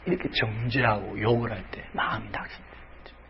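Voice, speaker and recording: A man's voice: lowish voice, normal speed, lo-fi sound, noisy background. A male pastor preaching a sermon dramatically, dropping to whispers and rising to cries.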